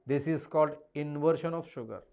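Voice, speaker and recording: A man's voice: on the high side, brisk, gravelly, a little mellow, clean tone. A man with an Indian accent lecturing in a live online class, emphatic and repeating key phrases, mixing English with Hindi. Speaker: chemistry teacher.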